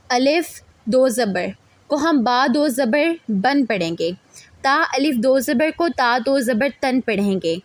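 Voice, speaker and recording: A high-pitched woman teaches recitation in a patient lesson, sounding out each letter and syllable one at a time. Her voice is close and dry, with no room sound around it. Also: no echo. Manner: slow, deliberate syllable-by-syllable drilling. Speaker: Quran tajweed teacher.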